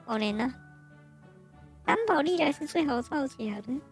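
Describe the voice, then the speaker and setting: A woman's voice: sits high, expressive, moderate pace, soft background music. A woman streamer from Taiwan giving casual commentary on a game she is playing, reacting to it and often laughing.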